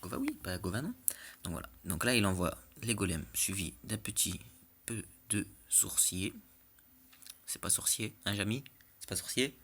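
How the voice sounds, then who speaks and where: A man's voice: lowish voice, sing-song, normal speed, a bit bright, breathy edge. A man giving casual, joking commentary over game replays, chatty and often checking in with the listener. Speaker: clan war replay commentator.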